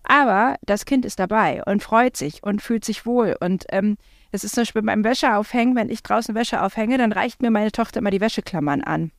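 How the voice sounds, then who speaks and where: A mid-pitched woman talks as a parent in a casual, reflective way, often pausing on fillers. Her voice sounds dry and close, with no room around her. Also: vocal fry, no room sound. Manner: chatty, reflective, with frequent fillers. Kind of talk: casual conversation.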